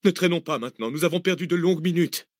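A man reading an audiobook, voicing a calm, authoritative man who gives measured orders. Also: on the high side, no room sound, studio quality, pitched above the performer's own voice, lightly acted. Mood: commanding. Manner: measured, commanding. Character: calm, authoritative older man, cool-headed planner. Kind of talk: audiobook character voice.

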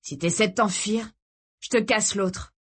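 A volatile, jealous young man, voiced by a woman reading a storybook aloud, snarls and shouts his threats. His voice rides high and loud above the narration, hard and vulgar, always on the edge of violence. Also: a little slow, husky. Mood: furious shouting.

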